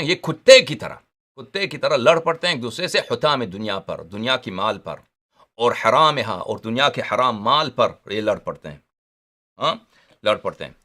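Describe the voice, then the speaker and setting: Guy lecturing on religion, bright voice, swings up and down a lot, keeps asking if u get it. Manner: explains Arabic terms in Urdu, often checks understanding with rhetorical questions; animated and emphatic, with sharp rises in pitch and loudness.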